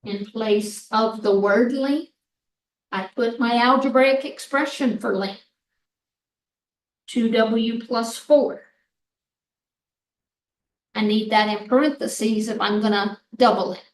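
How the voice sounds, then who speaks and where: Slow, hoarse woman teaching math. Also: on the high side, steady tone. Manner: slow, step-by-step explaining. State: hoarse, clearing throat. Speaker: math instructor. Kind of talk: recorded math lecture. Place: classroom. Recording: echoey room, mic far off.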